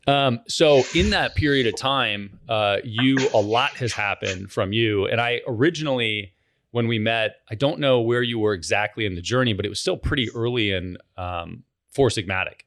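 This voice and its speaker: Low-voiced male podcast host. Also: normal speed, a bit bright. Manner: upbeat scripted intro, then casual questions. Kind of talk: interview hosting.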